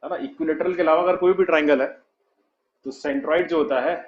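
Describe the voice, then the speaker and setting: A man's voice: a little high, steady tone, fast talker. Male math tutor, patient step-by-step delivery, lo-fi online-class sound. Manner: explains step by step, adds "है ना?" to check understanding. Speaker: math teacher. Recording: dull lo-fi online class audio.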